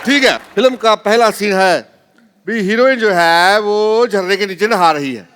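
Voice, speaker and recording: Bossy director, high voice, studio crowd laughing, background noise. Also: male voice. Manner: gives orders, brisk and teasing. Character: bossy film director staging a shoot.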